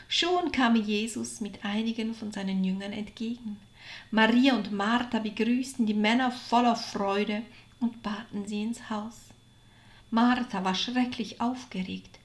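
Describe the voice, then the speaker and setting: A woman narrating a children's storybook in a slow, expressive way. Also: fairly high pitch.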